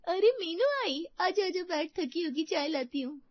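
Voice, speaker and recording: A warm, fussing sister-in-law who insists her guest sit down, put on by a woman. The voice is very high, with a dull, dry recording. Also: normal speed, no echo. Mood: welcoming.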